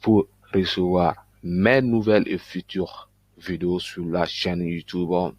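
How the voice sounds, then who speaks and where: Low-voiced man walking through a tutorial. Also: fairly even intonation, darkish tone, slightly rough. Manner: loose and halting, with frequent verbal fillers. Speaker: online business YouTuber. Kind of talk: casual screen-recording tutorial.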